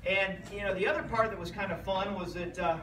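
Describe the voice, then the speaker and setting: A man's voice: high-pitched, steady tone, brisk, noisy background. A middle-aged American man, a youth football coach, gives a rambling, anecdotal speech honoring a player, recorded from a distance in a roomy space. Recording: roomy, distant mic, loud music behind.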